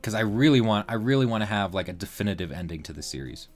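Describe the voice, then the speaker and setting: A man's voice: fairly low pitch, lively intonation, quick pace. A man in his late teens hosting a casual livestream, rambling along with lots of fillers and restarts. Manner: rambling, loose talk full of fillers and restarts. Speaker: livestream host.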